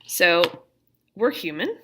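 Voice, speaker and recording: A woman's voice: fairly low pitch, very animated, takes it slowly, background noise. A woman teacher talking casually to parents from her classroom, chatty, laid-back and reassuring. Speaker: middle school teacher.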